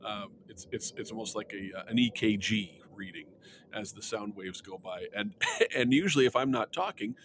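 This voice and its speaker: A man's voice: on the low side, normal speed, background noise. A man hosting a podcast outdoors, chatting casually into a close microphone with lots of laughing and restarts. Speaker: podcast host. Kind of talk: casual chat. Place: outdoors, with jets passing over.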